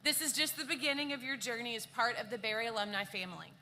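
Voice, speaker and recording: A woman's voice: fairly high pitch, fast, bright, forceful tone. A woman speaking as alumni association president, giving an earnest, formal speech to graduates at an outdoor ceremony.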